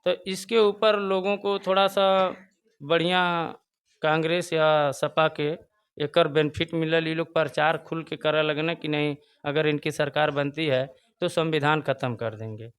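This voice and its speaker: Earnest Bhojpuri-accented man, clear voice. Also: on the high side, fairly even intonation, a little slow, fairly bright tone. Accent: Bhojpuri-tinged Hindi of eastern Uttar Pradesh. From Chandauli, Uttar Pradesh. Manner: earnest, repeats his points, rises in emphasis. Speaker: local party booth president, interviewee. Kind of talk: casual political opinion interview.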